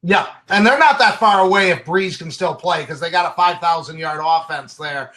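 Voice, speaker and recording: A man's voice: a little high, normal speed, pushed and bright. A man giving opinionated, casual sports commentary as a draft analyst.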